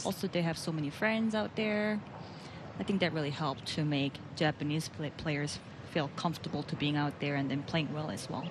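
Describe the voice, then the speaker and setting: Female golf commentator with clear outdoor noise. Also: low voice, fairly even intonation, normal speed.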